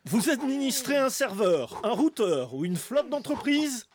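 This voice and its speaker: A man's voice: extremely high pitch, big pitch swings, unhurried, voice pushed up, exaggerated voice. A man playing an emphatic announcer in a mock radio advert. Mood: earnest promotion.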